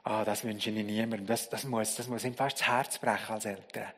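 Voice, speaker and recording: A man preaching a sermon, telling the story dramatically and swinging from loud to hushed. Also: fairly low pitch, steady tone, brisk, long reverb tail.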